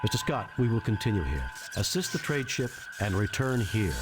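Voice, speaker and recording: An actor playing a decisive, confident starship captain in a video game, with a deliberate, commanding delivery. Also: male voice, lowish voice, very animated, heavy background noise. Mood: grave, steady.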